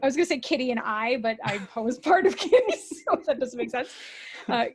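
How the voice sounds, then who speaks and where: Canadian woman guest spinning a story, high voice, lively, swears a lot, acts out the other people. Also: fairly quick, slight background noise. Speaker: guest musician. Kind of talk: casual storytelling.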